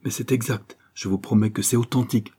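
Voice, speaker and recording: A man's voice: medium pitch, steady tone, a little fast, dark tone, breathy edge, lightly acted. Man playing an eager, proud young writer.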